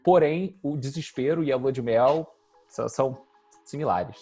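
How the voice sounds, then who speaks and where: Relaxed man in his thirties. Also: medium pitch, normal speed, soft background music. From Rio de Janeiro, Brazil. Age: 30s. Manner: relaxed, thinking aloud with fillers. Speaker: guest, UX designer. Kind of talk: casual interview talk.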